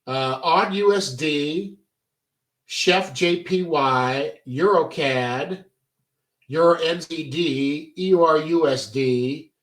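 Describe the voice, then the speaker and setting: A trading educator takes it slowly in a slightly high, fairly bright voice, audibly stuffy and congested. His casual screen-share tutorial is chatty and stop-start, full of fillers, and the sound is reverberant from a distant mic.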